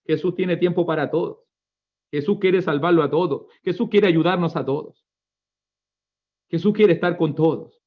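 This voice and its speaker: A man in his thirties from Chile preaching a fervent sermon as pastor, swinging between quiet storytelling and loud emotional climaxes. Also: fairly high pitch, normal speed, long pauses. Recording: dull lo-fi recording.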